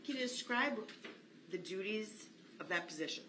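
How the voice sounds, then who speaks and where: A woman's voice: medium pitch, animated, moderate pace, sharp tone. A woman prosecutor questioning a witness formally and methodically. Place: courtroom. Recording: echoey courtroom, distant mic, faint noise.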